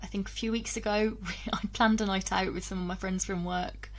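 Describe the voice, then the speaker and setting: This young vlogger from England chats to camera in an easygoing, personal manner at a middling pitch. Her speech is full of ums and restarts, with laughter between thoughts.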